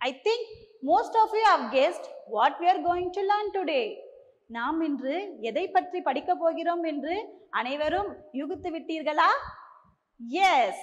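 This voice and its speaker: A woman teacher with a Tamil accent giving a bilingual lesson to young children, slow and coaxing, repeating each line in two languages. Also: sits high, in a large hall, muffled recording.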